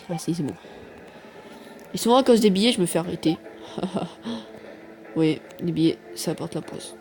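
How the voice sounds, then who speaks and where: A man's voice: high-pitched, a little mellow, slight background noise. A man giving casual commentary over his mobile gameplay, rambling and poking fun at himself, recorded on a phone microphone. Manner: rambling, self-mocking, many fillers. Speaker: mobile game YouTuber. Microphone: phone microphone during screen recording.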